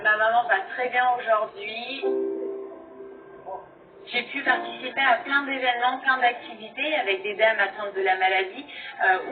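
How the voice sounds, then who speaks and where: Young woman, gentle, halting speech, tinny roomy TV audio, music underneath. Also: fairly high pitch. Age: young adult. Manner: warm, hesitant with fillers. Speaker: pageant contestant. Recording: tinny distant TV broadcast with music.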